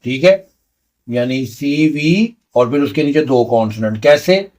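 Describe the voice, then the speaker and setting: A man's voice: medium pitch, lively intonation, a little slow, darkish tone. A man teaching a beginner language lesson, patiently repeating each sound step by step. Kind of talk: slow explanatory lesson.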